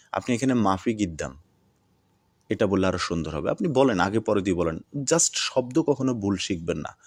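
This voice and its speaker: Low-voiced man teaching phrases patiently. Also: darkish tone, dry recording. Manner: repeats phrases slowly and mixes in English words. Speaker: Arabic language teacher. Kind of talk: video lesson.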